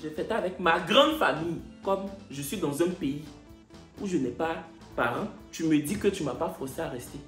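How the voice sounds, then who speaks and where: A man's voice: a little high, normal speed, roomy sound, faint music behind. A man with an Ivorian French accent, a comedian telling a story and acting out each part of the dialogue. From Côte d'Ivoire. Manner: animated, acts out every part of the dialogue. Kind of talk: comic storytelling.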